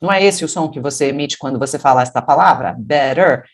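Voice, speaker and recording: A woman from Brazil teaching English pronunciation, explaining patiently and then modeling English words in a deeper voice. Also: quick pace. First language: Portuguese. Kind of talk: pronunciation lesson.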